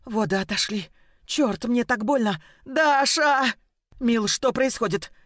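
A woman reading an audiobook, voicing a young pregnant woman in labor who pleads and shouts frantically in pain. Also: on the high side, normal speed, dry recording, pitched above the performer's own voice, lightly acted. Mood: panicked.

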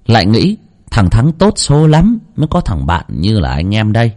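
A man narrating a horror story audiobook in a dramatic, expressive storytelling manner. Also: on the low side, normal speed.

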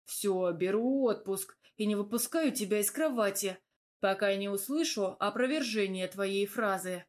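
A woman voicing a young husband who talks in a low, gruff, playful way to his wife. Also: a little slow, natural voice. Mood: teasing. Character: teasing, adoring young husband.

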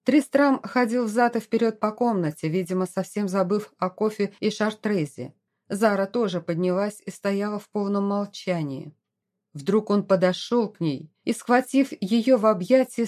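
A woman reading a romance novel aloud as an audiobook, in an expressive, dramatic way. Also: mid-range voice, normal speed. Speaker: audiobook narrator. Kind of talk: scripted narration.

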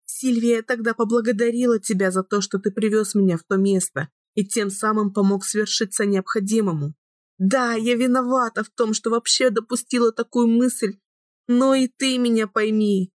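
A woman's voice: a little high, fairly even intonation, moderate pace, a little mellow, dry recording, clean studio sound, pitched above the performer's own voice, lightly acted. Pleading young heroine, as a woman reader puts her on. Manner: emotional, pleading.

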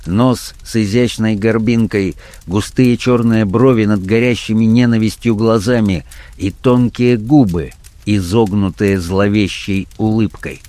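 A man's voice: lowish voice, no echo. Man reading an audiobook, dry sound. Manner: measured, even reading. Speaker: narrator. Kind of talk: scripted audiobook narration.

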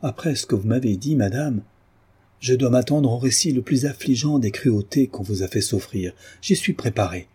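A man's voice: on the low side, normal speed, dark tone, slightly rough. A man voicing an earnest young nobleman in love, pleading, in an audiobook reading.

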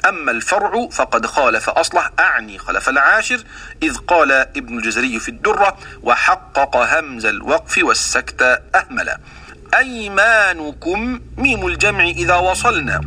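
A man's voice: a little high, bright, forceful tone, slightly rough, recorded from a distance. A man teaching the readings of the Quran, explaining rules and then chanting verses and quoted teaching poems as examples.

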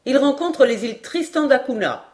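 Reading aloud at normal speed, a woman voices an excitable, absent-minded male geographer, using a high, eager, exclaiming tone.

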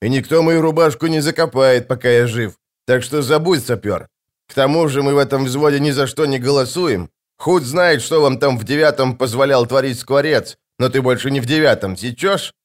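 A man voicing a wet, miserable male mage who hisses and grumbles slowly. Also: medium pitch, close to an everyday voice. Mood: indignant. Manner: hissing, grumbling, slow.

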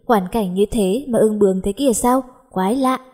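A woman's voice: mid-range voice, moderate pace, mellow, lightly acted. A woman voicing a cocky, nosy teenage schoolboy who bickers and teases. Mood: teasing. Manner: teasing, bickering.

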